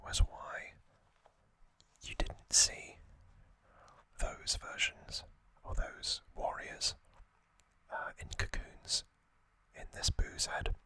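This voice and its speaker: In gentle, faltering snippets, an ASMR host, a man with a breathy whisper, runs back through some trivia.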